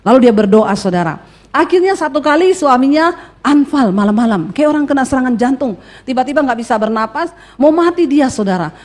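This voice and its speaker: A woman pastor preaching a sermon, telling a story with lively quoted voices and often addressing her listeners directly. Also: sits high, a little fast.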